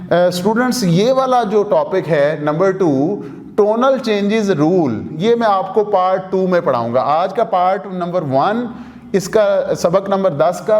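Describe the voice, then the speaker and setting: Man, Pakistani Urdu accent, language teacher, repeats himself, asks and answers own questions, high voice, reverberant studio. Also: a little mellow. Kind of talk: video lesson explaining rules.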